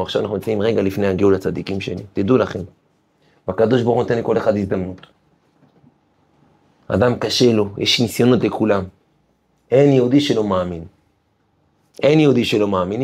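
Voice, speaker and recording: A man's voice: lowish voice, darkish tone. A man, a rabbi, giving an emphatic Torah lesson. He tells stories, asks his listeners rhetorical questions and builds to fervent peaks. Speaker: rabbi teaching a weekly class. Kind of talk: Torah lesson with sermon-like exhortation.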